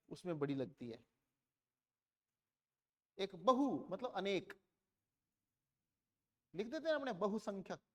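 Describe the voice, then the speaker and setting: A man from India teaches a grammar lesson in a high voice. He asks his students questions and answers them himself, repeating words to contrast their sounds.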